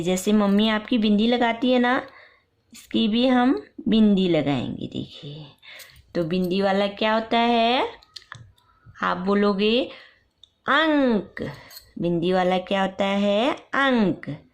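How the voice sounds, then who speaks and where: A woman teaching young children's letter sounds step by step for parents, repeating each sound slowly. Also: mid-range voice. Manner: slow, repetitive, drawn-out letter sounds. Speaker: nursery teacher.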